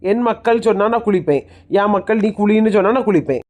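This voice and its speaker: A woman's voice: medium pitch, lively intonation, fast, darkish tone, natural voice. A woman playing a cheerful, food-loving young girl who answers back playfully in a comedy skit. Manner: playful, teasing replies.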